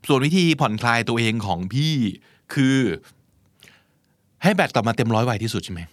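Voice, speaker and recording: A man in his thirties hosting a podcast in a relaxed, storytelling way that slips into easy laughter. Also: medium pitch, a little fast, no room sound, clean studio sound. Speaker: podcast host. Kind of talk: casual podcast chat.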